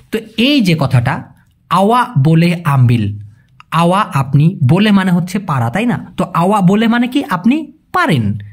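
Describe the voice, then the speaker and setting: Lively man teaching a language. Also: high-pitched, husky. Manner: explains patiently, repeats key terms, quizzes viewers. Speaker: language teacher on a video channel. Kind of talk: casual video lesson.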